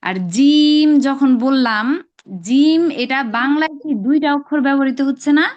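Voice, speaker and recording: A woman with a high voice leads an online lesson, explaining patiently step by step. She stretches each sound she demonstrates. The call audio is dull and lo-fi. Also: fairly even intonation, moderate pace, darkish tone. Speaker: Arabic pronunciation teacher. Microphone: video call.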